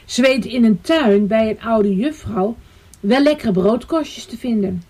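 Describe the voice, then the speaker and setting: A woman reading a children's story aloud, expressive and sing-song. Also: on the high side, breathy edge. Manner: slow, lively and sing-song.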